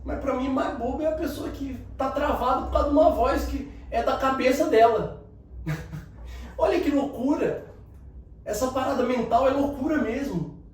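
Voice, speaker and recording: A man's voice: extremely high pitch, expressive, normal speed. A man giving an emphatic motivational talk, speaking straight to the listener. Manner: emphatic, coaching the listener directly. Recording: very echoey room, distant mic, faint ambience.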